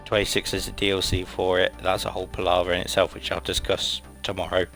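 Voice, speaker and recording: A man's voice: deep voice, completely flat delivery, quick pace, creaky, fairly bright tone, poor audio. A tired, yawning man, chatting casually as he streams a racing game, rambling with many fillers and restarts. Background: game music and car engine sounds.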